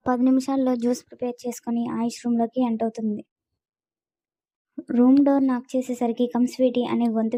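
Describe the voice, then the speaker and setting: A woman narrating a romance story at an even, steady pace. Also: a little high, no room sound.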